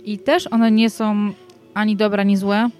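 A woman at a middle pitch hosts an interview, thinking aloud as she speaks. She pauses and restarts often while working through her points. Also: level tone, darkish tone, soft background music. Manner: thoughtful, hesitant, many restarts. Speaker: host. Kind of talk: conversational interview.

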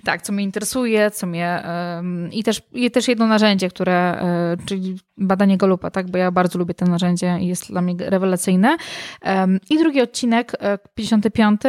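A woman hosting a podcast in a casual, conversational way, often pausing to search for her words. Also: medium pitch, a little mellow, no echo, studio quality. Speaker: podcast host.

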